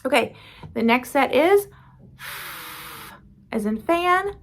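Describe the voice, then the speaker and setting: A woman teaching beginner phonics, slowly demonstrating each speech sound and how the mouth makes it. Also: high-pitched, animated. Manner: slow, careful demonstrating of sounds. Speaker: reading and spelling teacher. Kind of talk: phonics lesson.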